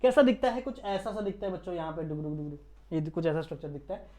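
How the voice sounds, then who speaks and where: A man's voice: a little high, lively intonation, fast, a little mellow. Indian male tutor, casual lecture style, keeps quizzing the class and answering himself. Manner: quizzes students with repeated questions. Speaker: teacher.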